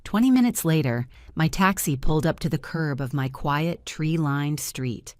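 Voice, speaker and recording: Low female narrator, steady first-person story reading, dry close recording. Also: normal speed, no echo.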